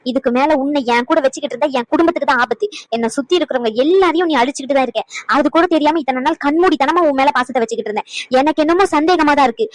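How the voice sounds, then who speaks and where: A high, fast-talking grown daughter scolds her mother in a cartoon, voiced by a woman. She fires off rhetorical questions, exasperated and stern. The sound is dry and close. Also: no echo, lightly acted, poor audio. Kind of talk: cartoon voice acting.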